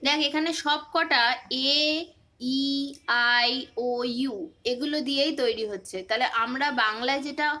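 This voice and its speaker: A woman with a high, bright voice leads a relaxed phonics lesson. She keeps asking short quiz questions and repeats the answers patiently. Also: unhurried. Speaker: teacher.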